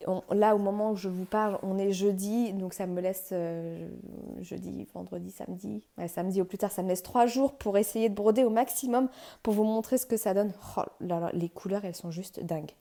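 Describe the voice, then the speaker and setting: A young woman hosts a relaxed crafts vlog, gushing with excitement as she unboxes a new kit. Her voice is mellow and warm, mid-pitched, and she laughs often between chatty, meandering sentences. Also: brisk, vocal fry. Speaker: crafts channel host.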